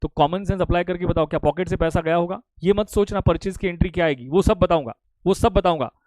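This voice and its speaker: A middle-aged man with an Indian accent teaching accounting in a live lecture, repeating questions and pressing students for quick answers. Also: sits high, a little mellow, no room sound. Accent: Indian English. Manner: drilling repetition, urging quick answers.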